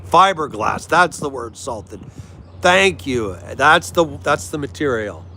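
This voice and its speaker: Slow-paced yet animated, with a sharp tone and medium pitch, this American man from the United States hosts a livestream. He chats casually and agreeably with his live viewers, staying friendly. Vehicle-like background ambience runs under a clear recording.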